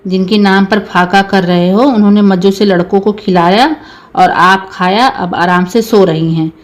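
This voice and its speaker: A woman voicing a sharp-tongued young village wife who speaks in a taunting, curt way in a read-aloud story. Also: mid-range voice, fairly even intonation, normal speed, lightly acted.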